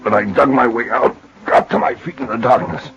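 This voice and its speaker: A man playing a calm, direct male adventurer-investigator in a 1940s radio drama, heard as an AM radio broadcast, with clipped, matter-of-fact narration and questions. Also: medium pitch, a little fast. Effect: AM radio broadcast sound. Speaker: lead actor and narrator. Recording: dull, hissy old radio transcription.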